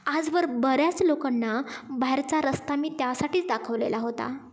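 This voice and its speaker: A woman's voice: high-pitched, normal speed, natural voice. A woman voicing Aarav, a furious possessive boss. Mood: angry. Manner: stern, commanding.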